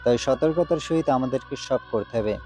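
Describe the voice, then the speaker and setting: With faint music behind him, a male voice actor plays a determined, dutiful demon hunter for a Bengali audio drama, earnest and solemn throughout. His medium-pitched voice, a little mellow, runs at normal speed. It stays close to his everyday voice.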